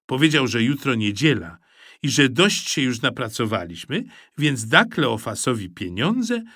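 A man narrating a children's storybook in an expressive, animated way. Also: mid-range voice, a little slow, no echo, studio quality. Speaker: audiobook narrator.

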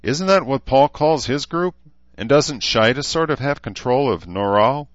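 A man's voice: mid-range voice, lively intonation, a little slow, no room sound, pitched above the performer's own voice, close to an everyday voice. A man voicing a wary, doubtful young male fighter, in a slightly muffled recording. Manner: incredulous, guarded. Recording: slightly muffled dry audio.

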